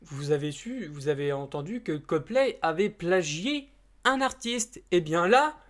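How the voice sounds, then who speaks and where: A man's voice: high voice, expressive, a little slow, a bit bright. A man chatting casually to camera as a YouTuber. He rambles and hesitates, with many fillers and restarts, in informal, slightly crude speech.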